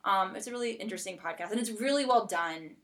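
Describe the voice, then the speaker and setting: A fast-talking woman with a mid-range, fairly bright voice hosts a podcast, chatting with a guest in very casual speech heavy on "like."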